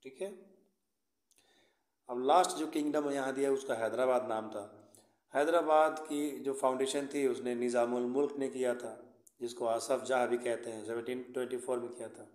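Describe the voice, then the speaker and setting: A man's voice: mid-range voice, fairly even intonation, moderate pace, darkish tone. Hindi-speaking male history teacher, echoey room. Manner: repeats "theek hai", mixes English words. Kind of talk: explanatory lesson.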